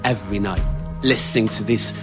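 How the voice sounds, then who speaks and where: This male storyteller, who writes and performs his own work, presents a scripted comic monologue for radio before a theatre audience. He is brisk and steady in a fairly low voice over music, his manner earnest, understated and self-deprecating.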